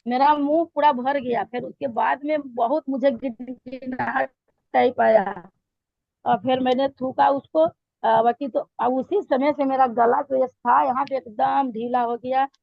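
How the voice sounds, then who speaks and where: Giving testimony to her pastor, a churchgoing woman speaks in a high voice made hoarse by her throat, hesitating often with fillers and restarts. Her intonation is fairly even, and the muffled recording has no echo.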